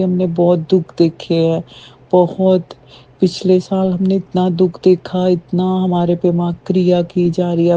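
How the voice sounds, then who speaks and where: A woman telling a personal devotional testimony, halting as she goes and often addressing her listeners directly. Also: on the low side, warm tone, muffled recording. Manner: keeps addressing listeners as sangat ji, halting delivery.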